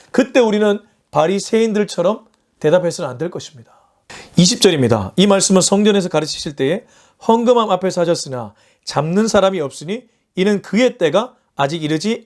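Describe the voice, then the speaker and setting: A man's voice: high-pitched, a little mellow. A male pastor giving a morning sermon, reading scripture verses and explaining them earnestly in plain, everyday terms. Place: church or small studio for an online morning service.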